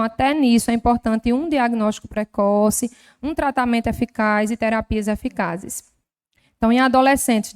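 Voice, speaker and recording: In a legislative chamber, a woman with a Northeastern Brazilian accent lectures at a formal council session, speaking in a fairly high, smooth voice. A health professional, she explains things patiently and didactically, using plenty of examples and diminutives.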